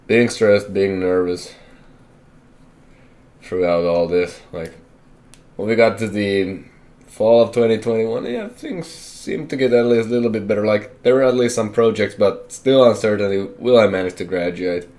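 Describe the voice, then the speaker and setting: A young adult man vlogger with a deep, darkish voice shares a personal life update. He speaks haltingly and candidly, hesitating and correcting himself as he goes.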